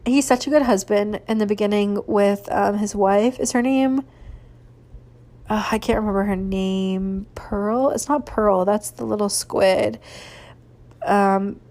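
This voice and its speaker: A woman chats casually on her solo podcast. She gushes sentimentally and fills her sentences with ums and likes. Her voice sits at an ordinary middle pitch for a woman. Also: unhurried, a little mellow. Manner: gushing and sentimental, with frequent fillers. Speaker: podcast host.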